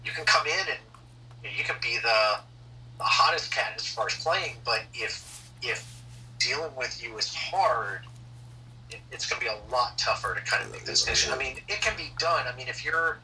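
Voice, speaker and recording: Bright-voiced male host, slightly off-mic. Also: medium pitch, lively intonation, moderate pace, gravelly. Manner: rambling, searching questions with many restarts. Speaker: podcast host. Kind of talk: casual interview questions. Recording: distant mic with faint noise.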